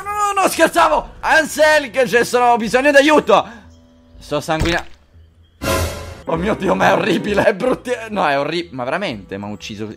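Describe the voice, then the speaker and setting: A man gives let's-play commentary in a high, very animated voice that jumps all over. He jokes crudely and swears freely while addressing his audience directly. Faint game music plays underneath. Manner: jokey, crude, swears often; talks to viewers directly. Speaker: gaming video host.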